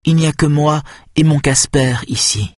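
A man's voice: on the high side, normal speed, dry recording, clean studio sound, pitched above the performer's own voice, natural voice. A man voicing a cold, stern woman who speaks curtly and severely in an audiobook thriller.

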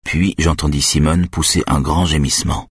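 Man narrating an audiobook, extremely low, husky voice, steady and measured. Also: no echo, clean studio sound. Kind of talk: first-person audiobook narration.

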